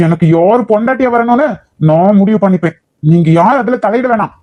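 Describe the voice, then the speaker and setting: A man voicing a protective young husband in an animated cartoon, firm yet soothing. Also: sits high, brisk, no echo, narrow, tinny audio, lightly acted. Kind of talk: cartoon voice acting.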